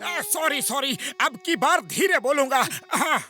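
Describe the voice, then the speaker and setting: A plump, cheerful cartoon shopkeeper calls out his goods in a high, lively, sing-song bellow. He takes his time with each cry. A cartoon score plays clearly behind him. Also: unhurried, faint music behind, full character voice. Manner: loud sing-song hawking cries. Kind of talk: cartoon voice acting.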